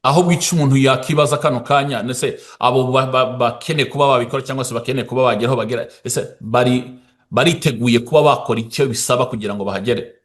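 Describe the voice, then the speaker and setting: A man who speaks and interprets, talking fast and often stopping to restart his words. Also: medium pitch, steady tone.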